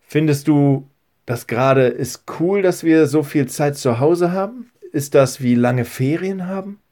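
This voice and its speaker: A pastor speaking to children in a friendly, direct way and reading a story aloud. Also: male voice, fairly high pitch, a little slow, a little mellow. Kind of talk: children's church audio and storytelling.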